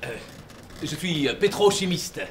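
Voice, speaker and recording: An actor on a theatre stage playing a pompous, long-winded traveller who lectures about whisky. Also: male voice, sits high, a little slow, slight background noise. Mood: pedantic. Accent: French. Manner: pedantic, fussy, long-winded. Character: pompous middle-aged male whisky-loving traveller. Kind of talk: amateur stage play.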